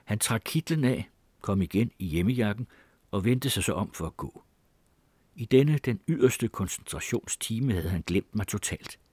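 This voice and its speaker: A man narrating a memoir as an audiobook, in a measured, expressive reading. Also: lowish voice, slightly rough, dry recording.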